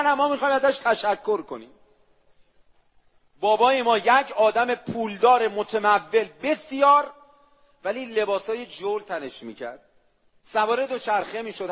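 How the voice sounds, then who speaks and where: High-voiced man preaching in an echoey hall. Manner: emphatic, repetitive, with rhetorical questions and recited Arabic phrases. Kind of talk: sermon. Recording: echoey hall, dull lo-fi sound.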